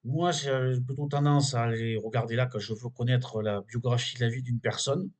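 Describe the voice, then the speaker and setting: A man's voice: medium pitch, steady tone. A man with a French accent and an ordinary middling voice reads from an online page for his weekly video. He hesitates often, repeats words and restarts names, then breaks off to comment in a casual tone. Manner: halting, many fillers and restarts. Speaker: video host reading and commenting.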